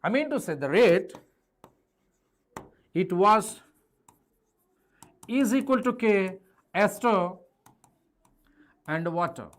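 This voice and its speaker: A man's voice: high-pitched, expressive, slow pace, long pauses. A man with an Indian accent lecturing in a live online class, emphatic and repeating key phrases, mixing English with Hindi. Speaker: chemistry teacher.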